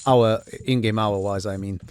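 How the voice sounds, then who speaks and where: A man giving casual commentary on his own playthrough, halting, repeating words and swearing freely. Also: on the low side, steady tone, a little mellow, a little hiss or hum. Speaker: gamer narrating own playthrough.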